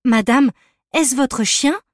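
A fearless, commanding young woman in a storybook, as a woman narrator puts her on, calling out high and loud in a dry, close sound. She gives orders sharply and never backs down. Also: measured pace, dry recording. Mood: urging. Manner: bold, commanding shouts.

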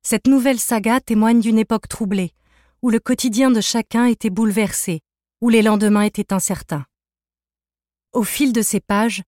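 A woman reading a novel aloud at a middle pitch, steady and measured. Her voice is recorded close and dry, with no room sound. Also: dry recording. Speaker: audiobook narrator. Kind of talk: scripted narration.

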